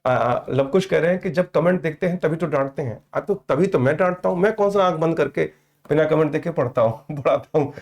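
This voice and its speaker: Gravelly-voiced teacher man in his fifties. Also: on the high side, fairly quick, darkish tone. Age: 50s. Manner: chatty, teasing, calls students beta. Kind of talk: online class chat with students.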